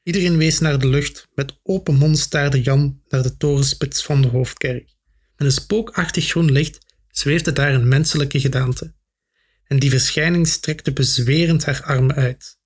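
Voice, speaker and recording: A man reading a children's adventure story aloud with steady, expressive narration. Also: mid-range voice, measured pace, husky. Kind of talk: audiobook narration.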